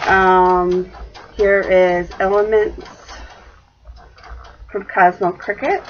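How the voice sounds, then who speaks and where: A woman's voice: mid-range voice, lo-fi sound, noisy background. A middle-aged woman chatting casually as she shows off crafting mail in her craft room, rambling with many fillers. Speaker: craft vlogger. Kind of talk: casual show-and-tell chat. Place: craft room at home, indoors.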